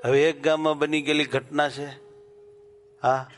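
Guy preaching with folksy village stories, voice a bit high, gets lively quoting people. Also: a little slow, soft background music. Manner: rural colloquial speech, animated when quoting characters. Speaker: religious storyteller. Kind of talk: devotional sermon storytelling.

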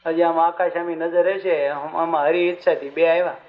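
A man preaching a devotional sermon, telling stories in a lively way and asking his listeners questions. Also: a little high, a little fast. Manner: animated storytelling with questions to listeners. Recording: dull recording with faint music.

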